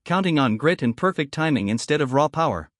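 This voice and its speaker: A man's voice: on the high side, expressive, fairly quick, dry recording, studio quality. A man reading scripted nature documentary narration in a dramatic, grandiose storytelling manner.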